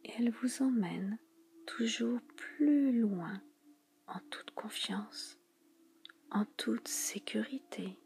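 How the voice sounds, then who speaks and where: The audio is poor, but a woman's slightly high voice can be heard guiding a relaxation hypnosis. She uses a calming spa-like whisper, breathy and hushed, with slow, repeated phrases and many pauses.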